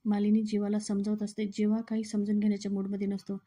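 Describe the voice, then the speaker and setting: A woman hosting her own channel, retelling the day's episode of a TV serial in a steady storytelling manner. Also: mid-range voice, quick pace. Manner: steady storytelling, reads out every character's lines. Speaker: channel host recapping a TV serial. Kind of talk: casual narrated recap.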